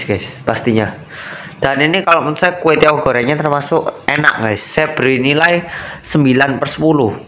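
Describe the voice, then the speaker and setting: A young man with a slightly high voice chats easily through a food review, saying "guys" every few phrases. He is recorded by a camera on the table of an outdoor cafe at night, with faint street sounds behind him. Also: sharp tone, a little hiss or hum, poor audio. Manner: chatty, keeps saying "guys". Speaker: food vlogger.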